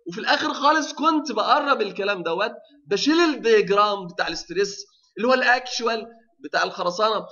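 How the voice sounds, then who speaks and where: Fast, bright-voiced Egyptian lecturer. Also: male voice, sits high, lo-fi sound. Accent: Egyptian Arabic. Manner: asks the class rhetorical questions, frequent fillers and restarts. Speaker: university lecturer. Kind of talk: technical lecture.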